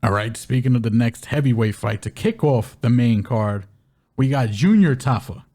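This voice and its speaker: A man co-hosting a podcast, talking through fight bets in a relaxed, animated way, laughing often. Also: medium pitch, moderate pace. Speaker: podcast co-host. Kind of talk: casual sports betting chat.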